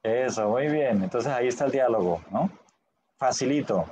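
A man's voice: mid-range voice, animated, moderate pace, warm tone, a little hiss or hum. A man teaching a Spanish class online in a patient way, often checking in with short questions.

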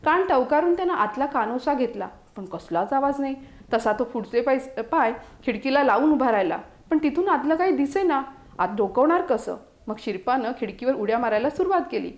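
A woman from Mumbai, India, reading a children's story aloud in a lively way and giving each character a voice. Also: high-pitched. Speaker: storytelling contestant. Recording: roomy echo.

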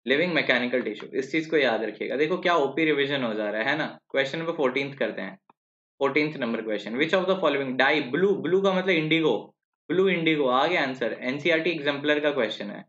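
A man's voice: medium pitch, a little fast, fairly bright tone. Chatty male biology tutor, echoey lo-fi. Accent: Indian English. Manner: chatty, quizzes students and answers for them; mixes Hindi with English terms. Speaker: biology teacher. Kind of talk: live online exam-prep class. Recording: echoey, dull lo-fi live stream audio.

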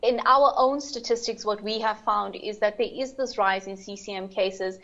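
A woman's voice: medium pitch, normal speed, fairly bright tone. A woman, answering as an insurance expert on a panel, articulate and businesslike. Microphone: video call. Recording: slightly muffled video call audio.

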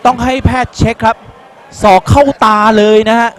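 A man's voice: extremely high pitch, fairly even intonation, moderate pace. A man commentating live on a Muay Thai broadcast, exclaiming often as he narrates each blow. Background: music.

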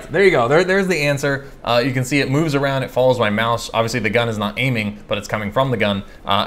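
A man from California hosting a casual live coding stream, chatting and thinking aloud, reading code out slowly with lots of fillers and self-corrections. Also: mid-range voice, a bit bright. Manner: reads code aloud slowly while typing. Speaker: livestream host answering coding questions.

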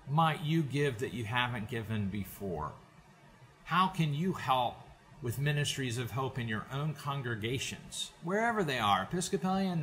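An older man hosts a church video podcast from a bookshelf-lined study, talking to a desk camera in a heartfelt, halting way full of "uh"s. His voice sits mid-range with a bright, forward edge. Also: mid-range voice. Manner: earnest, many "uh" fillers and restarts. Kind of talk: casual heartfelt address to camera.

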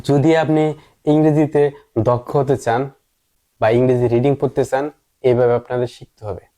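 A man's voice: medium pitch, steady tone, moderate pace, mellow. A man, teaching an online English reading lesson and drilling words over and over in an emphatic, coaxing way.

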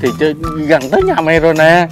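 A man's voice: fairly high pitch, wildly swooping pitch, fast talker. A man pulling a prank in a comedy skit, urging and ordering his partner around. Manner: urging, bossy, addresses partner as "bé". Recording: loud music behind.

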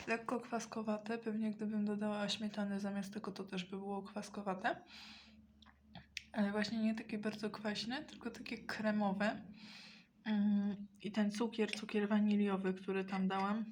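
A woman talking casually in a mukbang while eating, hesitant and often pausing mid-sentence to think. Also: mid-range voice, level tone, darkish tone, slight background noise. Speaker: mukbang vlogger.

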